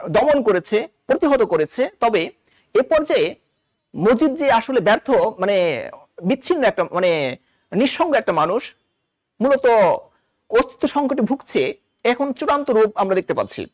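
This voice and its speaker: A man's voice: very high voice, sing-song, normal speed, long pauses, no room sound, studio quality. A man from Bangladesh, a college literature lecturer, explaining a novel line by line and quoting its characters in dialect.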